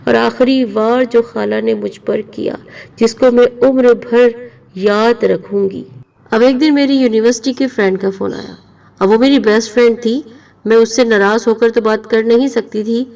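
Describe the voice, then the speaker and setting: A woman's voice: a little high, steady tone, vocal fry, a little mellow, distant mic. A woman narrating a dramatic first-person story in an emotional storytelling manner.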